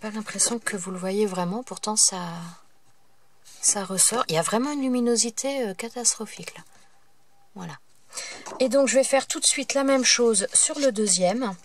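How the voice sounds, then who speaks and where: Working at her table, a woman leads a paper craft demonstration step by step, chatting casually and hesitantly and often correcting herself amid many fillers. She talks at a normal speed in a slightly high voice.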